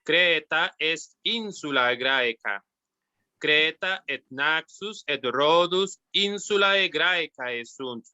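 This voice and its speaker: A man reading a practice dialogue aloud in a class, slowly and carefully. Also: a little high, animated, pushed and bright, smooth, no echo. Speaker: student. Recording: dry, dull lo-fi mic.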